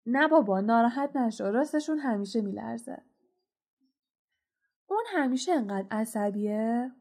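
A woman's voice: on the high side, darkish tone. A woman reading a storybook, voicing a big friendly male groundskeeper who talks in a hearty, chatty way.

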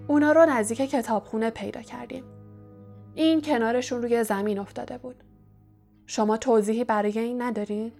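A woman voicing a stern older female school professor, speaking gravely with a hoarse edge in an audiobook. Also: on the high side, steady tone, a little mellow, soft background music, close to an everyday voice. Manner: grave, strict, hoarse-voiced. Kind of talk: audiobook character reading.

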